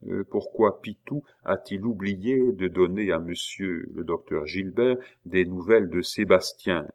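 A man reading a classic novel aloud as narrator, in a steady, measured storytelling manner. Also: sits low. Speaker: audiobook narrator.

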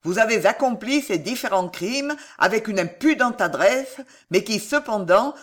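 Brief: icy accusing magistrate husband, varied delivery, read by a man. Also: high voice. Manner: calm, cutting, accusing. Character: cold stern magistrate husband.

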